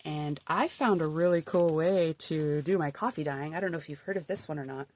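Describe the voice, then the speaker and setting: Stuffed up with a cold, a woman pages through her homemade journal and chats a little fast in a deep, slightly mellow voice. She sounds bubbly and casual, often trailing off into a murmur.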